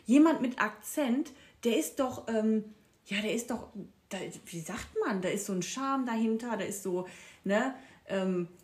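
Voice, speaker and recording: A woman's voice: on the high side, a little slow, a little mellow. Chatty woman with a Ruhr German accent. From Ruhr area, Germany. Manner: chatty, laughs often, many fillers. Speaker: podcast co-host. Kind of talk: casual evening chat.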